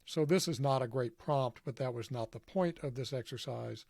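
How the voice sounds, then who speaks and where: Gravelly man explaining a screen demo. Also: mid-range voice, normal speed, a little mellow, no echo, studio quality. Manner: casual, self-deprecating, thinks aloud with fillers. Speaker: podcast host demonstrating software. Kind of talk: screen-recorded tutorial walkthrough.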